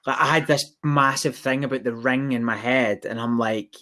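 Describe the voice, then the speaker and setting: Man, Scottish accent, Glasgow area, casual reminiscing, informal, sweary, mid-pitched voice. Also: steady tone, normal speed, bright, forceful tone. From Scotland.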